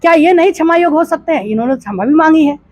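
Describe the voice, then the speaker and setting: High-voiced indignant older Indian woman. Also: animated, racing, a little mellow, no echo. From Gorakhpur, eastern Uttar Pradesh, India. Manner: indignant, rhetorical questions. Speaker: interviewee, politician. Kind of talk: news interview.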